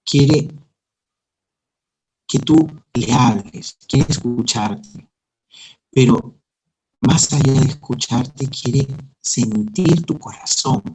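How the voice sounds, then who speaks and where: Preacher from Peru, male, husky tone, earnest and tender, drops to near whisper for intimate points. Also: medium pitch, warm tone, low-quality recording. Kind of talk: Bible study teaching.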